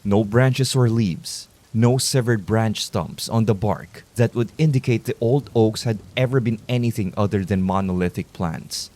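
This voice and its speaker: A man calmly narrating horror stories meant for sleep, in a measured, low-key delivery. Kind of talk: calm scripted sleep-story narration.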